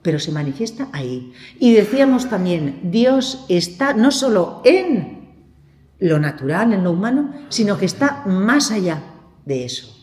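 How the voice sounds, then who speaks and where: A woman's voice: mid-range voice, sing-song, a little slow, darkish tone. A woman from gives a spiritual lecture in a seminary hall, repeating words and putting questions to her listeners. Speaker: speaker at a theology week for lay people. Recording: echoey hall reverb.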